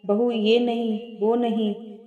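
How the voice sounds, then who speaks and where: A woman's voice: fairly high pitch, little pitch movement, slow pace, reverberant, phone-quality sound. A woman voicing a grumpy, fault-finding old mother-in-law who scolds and complains. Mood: grumbling.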